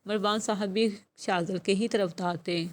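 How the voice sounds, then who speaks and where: A woman's voice: medium pitch, fairly even intonation. Woman reading a novel aloud. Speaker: novel reader. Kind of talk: scripted audiobook narration.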